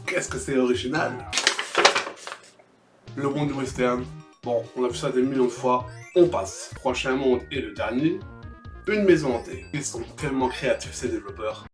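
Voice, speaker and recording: Speaking at normal speed in a medium-pitched voice, a retro video game review show host offers scripted comedic narration laced with sarcasm and profanity. The audio is echoey and roomy, backed by music.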